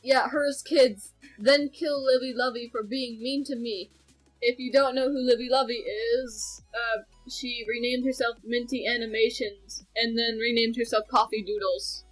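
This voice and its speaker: A woman's voice: on the high side, fairly even intonation, moderate pace, faint music behind, rough recording. Chatty young woman reacting to videos. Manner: chatty and rambling, with sudden laughs and self-corrections. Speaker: video reactor, channel host. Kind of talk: casual reaction chat with a friend.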